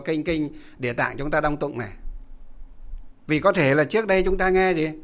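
Vietnamese monk's rhetorical dharma talk. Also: male voice, fairly high pitch, fairly bright tone. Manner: asks rhetorical questions and answers them himself; earnest, repetitive, instructive. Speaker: Buddhist monk teacher.

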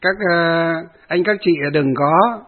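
A timid old village woman pleading for calm, as a man puts her on. She speaks in soft, halting phrases with a husky edge. The sound is thin and narrow, like a phone call. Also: on the high side. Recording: tinny phone-like audio.

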